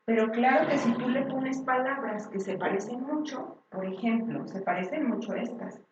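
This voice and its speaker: A woman teacher giving a classroom lecture, explaining step by step and often pausing on filler words. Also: a little high, distant mic, slight background noise. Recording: echoey dull room recording from afar.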